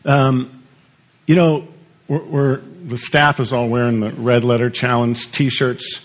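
A man's voice: mid-range voice, little pitch movement, slow. A male pastor preaching a sermon in a conversational way, asking the congregation questions.

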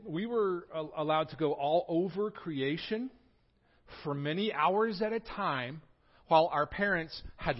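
A pastor in his forties from Southern California, who prays quietly and then preaches in a lively storytelling way with touches of humor. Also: on the high side, highs cut off. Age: 40s. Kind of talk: sermon.

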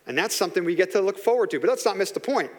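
A man preaching a sermon in an earnest, conversational way, slowing down on emphatic lines. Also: high voice, expressive, big-room sound. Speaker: pastor.

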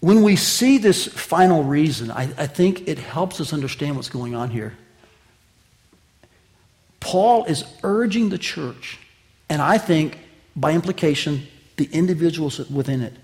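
A man with a high voice preaching a sermon in a conversational way, joking with the congregation. He swings from loud, raised lines to quiet, slow asides. Think of a pastor talking straight to his church. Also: vocal fry. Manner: conversational preaching with wide swings of pitch and loudness; jokes with the congregation.

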